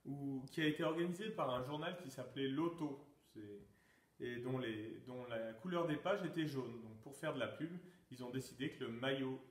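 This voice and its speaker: A man's voice: mid-range voice, moderate pace. A man running a quiz and exercise session as a teacher, reading out answer choices and calling out the start of each exercise. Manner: announcing questions, calling out "top!" to start exercises. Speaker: sports teacher. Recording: echoey room, mic far off.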